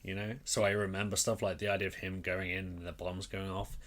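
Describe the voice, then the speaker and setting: Low-voiced man in casual, sweary podcast chat. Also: level tone, fast, fairly bright tone. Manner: informal, sweary, acts out characters' lines in paraphrase. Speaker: podcast co-host. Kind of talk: casual episode recap chat.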